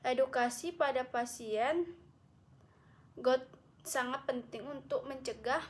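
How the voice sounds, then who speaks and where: High-voiced young woman presenting coursework. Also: takes it slowly, slight background noise. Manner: careful explanatory reading with frequent self-corrections. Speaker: medical student. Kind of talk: recorded class presentation.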